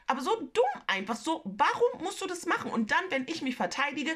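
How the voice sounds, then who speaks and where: A young woman chatting casually, telling a story in an animated way and acting out the voices of the people in it. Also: high voice, brisk. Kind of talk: casual chat.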